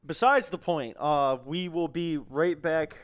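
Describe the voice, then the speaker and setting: A man's voice: a little high, slow pace. A young man giving casual, analytical color commentary on an esports match. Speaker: esports caster.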